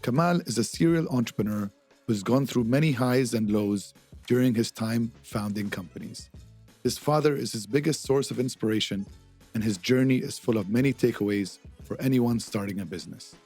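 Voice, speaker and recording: Husky man reading a show intro. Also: medium pitch, a little mellow, soft background music. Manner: read from a script, measured. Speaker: show announcer.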